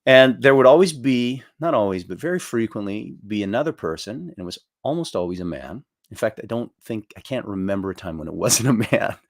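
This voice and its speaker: A middle-aged man tells a story during a motivational talk, in a loose and conversational way with a few restarts. His voice sits fairly low. The sound is dry, with no room echo. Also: expressive, fairly quick, few pauses. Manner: storytelling, acts out quoted voices with jumps in pitch; loose, chatty with fillers and restarts. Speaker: motivational speaker.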